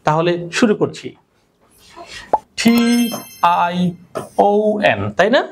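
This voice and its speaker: Lively woman teacher drilling a class. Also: fairly low pitch, takes it slowly, background noise. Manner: drills students with repeated questions and call-and-response. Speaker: English pronunciation teacher. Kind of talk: classroom lesson.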